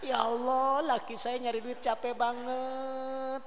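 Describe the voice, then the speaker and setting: A man voicing a devoted middle-aged wife who weeps and frets over her tired husband, in a high plaintive wail. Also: level tone, takes it slowly, fairly bright tone, heavily acted. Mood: tearful pleading. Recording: reverberant hall, faint noise.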